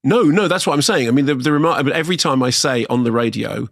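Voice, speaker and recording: A man in his sixties co-hosts a casual podcast conversation, telling rambling stories and frequently correcting himself mid-sentence. He talks fast in a creaky, medium-pitched voice, captured as clean studio sound with no echo.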